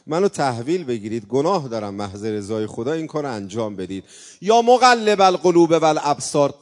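A man preaching a religious sermon, coaxing his audience and breaking into chanted invocations, with sudden swings between loud and soft. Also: fairly high pitch, big-room sound. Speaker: religious speaker. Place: religious gathering hall.

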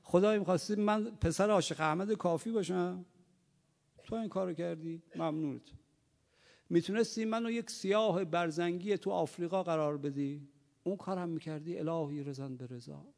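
A man preaching a sermon, moving from quiet, plain talk to loud, impassioned cries. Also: high-pitched, creaky. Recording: long hall reverb.

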